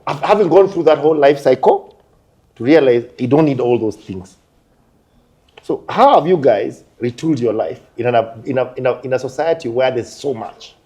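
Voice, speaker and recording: A man's voice: mid-range voice, lively intonation, moderate pace, mellow, dull audio. A man hosting a casual panel chat, telling stories animatedly and laughing often. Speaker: host.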